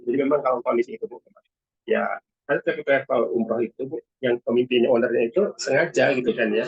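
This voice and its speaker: A husky, gravelly man rambles through an online staff meeting, full of fillers and repeated words. His audio glitches and keeps dropping in and out on a weak signal. The sound is dull and lo-fi. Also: mid-range voice. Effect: audio glitching and cutting in and out on a weak call signal. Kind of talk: casual talk in an online meeting. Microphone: video call.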